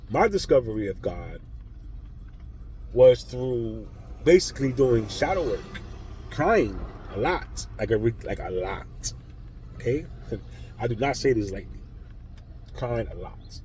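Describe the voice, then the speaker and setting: A man's voice: medium pitch, very animated, unhurried, pauses often, dark tone, slight background noise, rough recording. A man vlogging a blunt, profane spiritual monologue with heavy emphasis.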